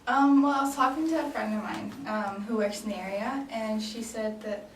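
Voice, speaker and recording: Her voice fairly high and at normal speed, a late-twenties woman from Denmark stumbles through a relaxed role-play job interview, full of ums and restarts. The mic sits at a distance in an echoey room, with faint noise in the background.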